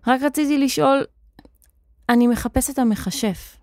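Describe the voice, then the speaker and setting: A woman's voice: high voice, no room sound, studio quality, pitched above the performer's own voice, close to an everyday voice. A woman narrator voicing an anxious young boy apprentice who pleads and grows frantic in a children's audiobook. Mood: nervous. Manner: pleading, rising to frantic shouts.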